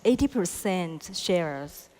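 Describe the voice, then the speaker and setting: A woman team leader giving a measured panel answer, often pausing with "you know". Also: fairly low pitch, expressive, a little mellow, big-room sound.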